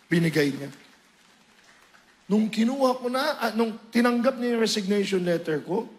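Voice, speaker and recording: Male preacher, very high-pitched, animated storytelling testimony with loud emotional peaks. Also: moderate pace. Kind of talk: sermon testimony.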